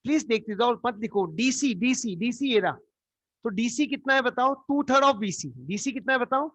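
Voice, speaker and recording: A man's voice: extremely high pitch, lively intonation, moderate pace, a bit bright, dry recording. A man teaching a live geometry class, coaxing students with repeated questions. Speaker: math teacher. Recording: dull lo-fi online class audio.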